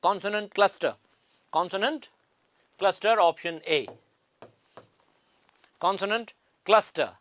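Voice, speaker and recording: A man's voice: high voice, unhurried, long pauses, a bit bright. A man teaching an exam-prep phonetics lesson, explaining step by step and repeating the key answers.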